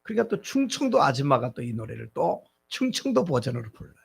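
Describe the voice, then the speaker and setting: A man's voice: medium pitch, big pitch swings, fairly quick, vocal fry, husky. A middle-aged male pastor preaching a sermon in a conversational way, asking his congregation rhetorical questions.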